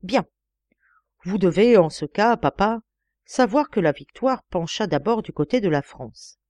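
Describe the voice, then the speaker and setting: A woman's voice: medium pitch, no room sound, natural voice. A woman voicing a self-assured young detective. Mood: explaining. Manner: calm, explaining, measured.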